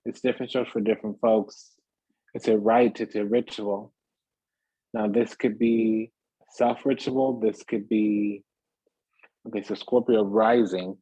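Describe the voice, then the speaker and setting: A man's voice: on the low side, steady tone, unhurried, long pauses, dark tone, breathy edge, no room sound, low-quality recording. A man giving a casual, rambling tarot reading to viewers, piling up phrases in lists and checking in with "does that make sense?". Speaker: tarot reader.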